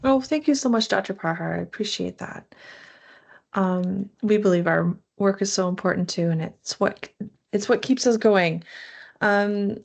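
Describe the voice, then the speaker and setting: A woman's voice: mid-range voice, unhurried, vocal fry, darkish tone. A woman hosting a charity webinar over a video call, friendly, with frequent ums.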